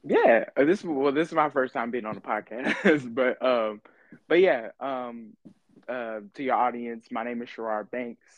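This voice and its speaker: A man in his twenties from California, chatting casually as a podcast guest, halting and easygoing, with lots of ums. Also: medium pitch, dry recording, dull audio. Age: 20s. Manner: laid-back, halting, full of ums and laughs. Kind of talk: casual interview chat.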